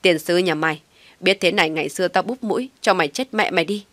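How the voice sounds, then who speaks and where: A woman voicing a furious elderly father who shouts harsh insults at his son in a storybook reading. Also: fairly low pitch, fast, no echo, lightly acted. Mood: furious shouting.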